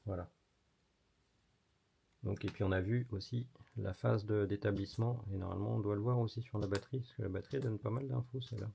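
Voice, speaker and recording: Gravelly low-voiced man explaining gadgets. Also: fairly even intonation, fairly quick, mellow, a little hiss or hum. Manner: casual and chatty, with mild swearing. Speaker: electronics tutorial host. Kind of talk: casual hands-on demonstration. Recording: dull lo-fi recording.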